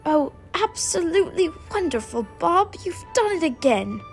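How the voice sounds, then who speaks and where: A woman voicing a genteel, grateful elderly lady in an animated film, effusive and fussy in her delight. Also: very high voice, moderate pace, soft background music, exaggerated voice. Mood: grateful, admiring.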